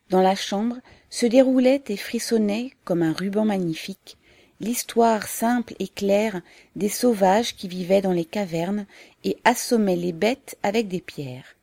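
A woman narrating a novel as an audiobook reader, in a calm, even and measured way. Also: medium pitch, vocal fry, dry recording.

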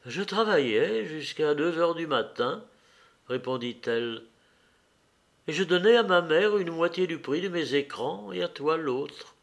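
A rapturous young woman in love, breathless and tender, speaking high and unhurried, as a male reader puts her on. Her words come slow and drawn out. It plays as a character in a read-aloud novel. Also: animated, creaky. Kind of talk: audiobook character reading.

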